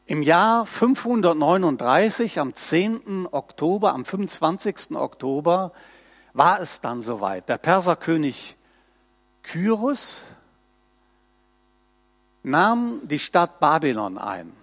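A man preaching a sermon, reading scripture in a slow and measured way with emphatic rises. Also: fairly high pitch, very animated.

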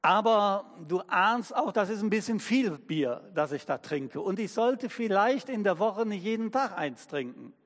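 A male pastor delivering a sermon in a slow, emphatic manner, his voice sitting a little high. He lingers over each phrase and drives his points home with everyday examples. The sound carries a long reverb, as in a large hall. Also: animated.

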